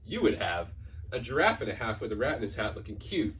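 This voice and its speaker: With a sing-song, medium-pitched voice at a fairly quick pace, a school staff member reads a children's picture book aloud. His playful, dramatic delivery stretches key words and rushes through lists, recorded from a distance with background noise.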